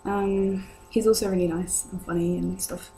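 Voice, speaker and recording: A young adult British vlogger speaks at a moderate pace in a medium-pitched, dark-toned voice with flat delivery, soft music playing behind her. Laid low by a sore throat that deepens her voice, she rambles casually and hesitantly while answering viewer questions. It's recorded at home, noisy and humming.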